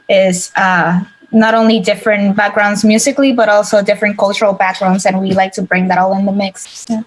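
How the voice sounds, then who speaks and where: A woman in a band answering in a friendly way during a Q&A, with frequent fillers. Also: medium pitch. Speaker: band member. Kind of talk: casual Q&A answer.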